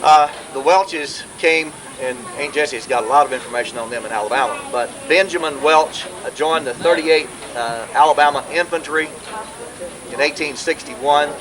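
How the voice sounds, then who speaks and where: A man, talking informally to relatives at a family gathering in a rambling way with many pauses, heard on an old VHS home video. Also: a little high, a crowd in the background, low-quality recording. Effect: old VHS home video sound. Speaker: family historian speaking at a birthday gathering.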